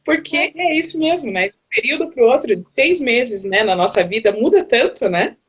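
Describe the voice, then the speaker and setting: Woman, singing teacher and host, slightly high pitch, chatty and affirming, casual live-stream talk. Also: animated, fairly quick, breathy edge. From Brazil.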